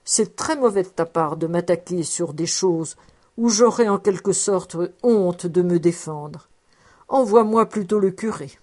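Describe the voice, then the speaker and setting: A woman reading aloud, voicing a wry, good-natured old rabbi who protests loudly when teased. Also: fairly low pitch, measured pace. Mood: protesting.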